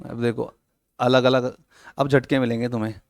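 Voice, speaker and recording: A man teaches a coaching class in a Hindi-English mix with a Rajasthani accent, teasing his students and acting out little scenes to explain things. His medium-pitched voice shows little pitch movement and runs at a normal speed, recorded with studio quality and no room sound.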